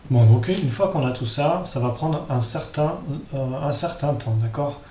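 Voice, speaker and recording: A tutorial host with a mid-range, dark-toned voice speaks at normal speed, walking viewers step by step through an informal screen-share tutorial and addressing them directly. The recording has a roomy echo and clear background noise.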